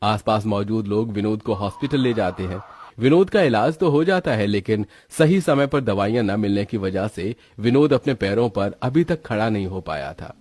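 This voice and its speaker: A man narrating a story in a steady, scripted storytelling manner with a husky voice. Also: on the low side, moderate pace, dry recording.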